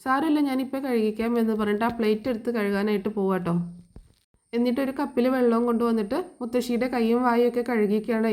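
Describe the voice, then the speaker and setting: A woman racing through a chatty retelling of a TV serial, her voice sitting a little high. She voices every character's lines herself and keeps dropping casual "you know" asides as she goes. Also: a little mellow. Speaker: serial recap narrator.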